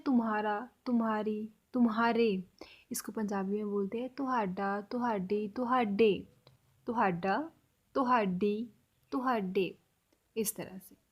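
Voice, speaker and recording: A woman gives a spoken language lesson. Her voice sits a little high, and she talks patiently, saying each example phrase slowly and repeating it for learners. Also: darkish tone. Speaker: language teacher.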